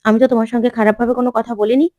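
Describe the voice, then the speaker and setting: A firm middle-aged woman doctor gives brisk, authoritative orders in a serial recap, voiced by a woman narrator. The voice is high and fast. The sound is dry. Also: level tone, a little mellow, dry recording, natural voice.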